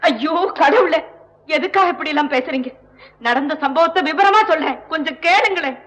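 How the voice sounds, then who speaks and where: A woman's voice: sits high, normal speed, a bit bright. An actress playing a devoted, defiant young woman dancer who pleads and stands her ground. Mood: pleading. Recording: old film soundtrack with reverb and faint hiss.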